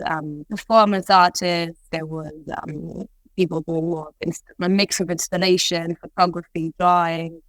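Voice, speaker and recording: A woman's voice: fairly low pitch, fairly bright tone, low-quality recording. A woman artist on a video call, answering interview questions reflectively in thoughtful, hesitant phrasing. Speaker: artist in residency, interview guest. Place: remote art residency studio, on a video call.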